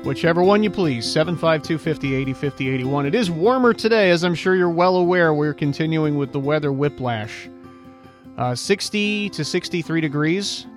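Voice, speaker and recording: A man hosting a local radio call-in show, talking in a smooth, easygoing radio host manner into a studio microphone. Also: a little high, moderate pace, faint music behind.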